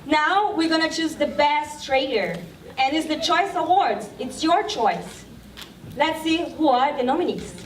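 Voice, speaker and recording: A woman's voice: sits high, animated, unhurried, very noisy. A woman presenting awards on stage, playful and jokey. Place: event hall with a crowd. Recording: distant echoey hall with loud music and crowd.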